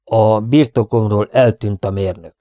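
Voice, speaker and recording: Egy férfi, aki egy indulatos, fenyegető öreg farmert szólaltat meg egy hangoskönyvben, parancsoló, nyers modorban. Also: male voice, on the low side, fairly even intonation, mellow, dry recording, clean studio sound, close to an everyday voice. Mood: menacing. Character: old hot-tempered male rancher, threatening.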